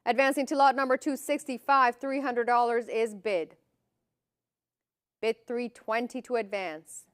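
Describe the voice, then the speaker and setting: A woman's voice: fairly high pitch, fairly even intonation, unhurried, clear, resonant tone, dry recording, studio quality. A woman working as an auctioneer, calling lots and bids in a formal, clipped, repetitive manner.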